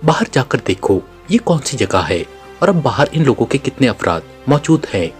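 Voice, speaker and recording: A man voicing a sly, calm male secret agent hero in an audiobook, speaking smoothly and cunningly. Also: medium pitch, normal speed, faint music behind, lightly acted. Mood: commanding.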